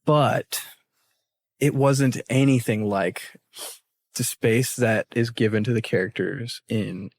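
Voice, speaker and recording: A man's voice: mid-range voice, fairly even intonation, slow pace, gravelly, no room sound. A man guest on a casual podcast, thinking aloud and reflecting at length on characters. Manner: thoughtful, reflective analysis. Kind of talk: casual chat.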